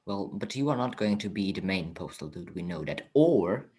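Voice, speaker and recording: A male podcast host asks questions in a hesitant way. His voice is low and husky. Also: animated, moderate pace, a little mellow. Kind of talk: interview questions.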